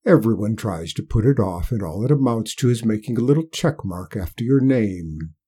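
A man voicing Death as a burly, weary, fussy bureaucrat with a low, measured, officious manner. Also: animated, warm tone, breathy edge.

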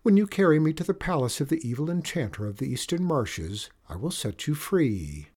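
A man reading a storybook aloud, voicing a bossy, quick-witted young princess with a brisk, commanding manner. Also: a little high, very animated, a little mellow, husky, voice pushed up.

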